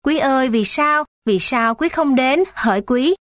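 A woman's voice: sits high, animated, a little slow, no echo, clean studio sound. A woman reading out a teenage schoolgirl's melodramatic mock lament, sobbing and wailing theatrically.

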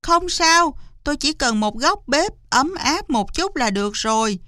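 A woman's voice: lively intonation, a little slow, pushed and bright, no room sound, clean studio sound, full character voice. A woman voicing a sly, boastful male fox who whines and fake-cries in a storybook reading. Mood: whiny. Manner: high, shrill, wailing and whining.

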